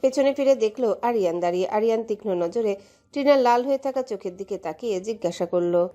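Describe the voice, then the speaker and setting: Lady reading a romance story, mellow and emotive, steady pace. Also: on the high side, fairly quick. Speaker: narrator. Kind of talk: scripted story narration.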